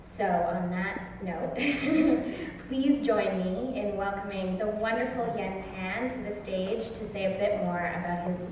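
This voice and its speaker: A woman's voice: mid-range voice, takes it slowly, background noise. Impassioned woman giving a speech in a hall. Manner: earnest and impassioned, with stresses on key words. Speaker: festival host. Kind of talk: prepared opening speech. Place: large theatre stage. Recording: echoey hall recorded from far off.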